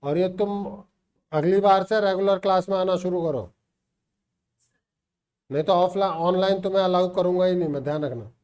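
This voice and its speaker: A man's voice: high-pitched, steady tone, moderate pace, pauses often, a little mellow, clear, resonant tone. A man teaching a math class, coaxing and teasing students by name to check they understand. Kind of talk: classroom teaching, mixing Hindi and English. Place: classroom with online students joining.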